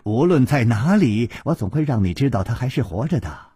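A man voicing a scheming young male villain who speaks in slow, hushed, drawn-out threats, as part of a Chinese storytelling radio reading. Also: mid-range voice, big pitch swings, slightly rough, no echo, studio quality. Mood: coldly calculating.

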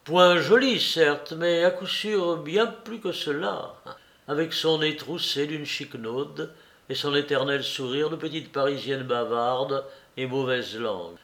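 Slow, measured male audiobook reader. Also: fairly high pitch. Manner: measured, expressive literary reading. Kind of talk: scripted audiobook narration of a novel.

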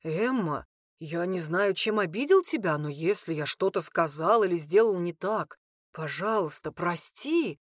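Woman doing a soft-spoken widowed innkeeper. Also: lowish voice, expressive, unhurried, no echo, clean studio sound. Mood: apologetic. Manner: soft, hesitant, apologetic. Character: flustered widowed male innkeeper, gentle and kind.

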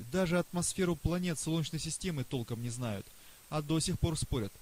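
A man voicing a boastful, excitable old male astronomer professor in an audiobook reading. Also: on the high side, poor audio. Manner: lively, boastful, rapid questioning. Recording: faint hiss.

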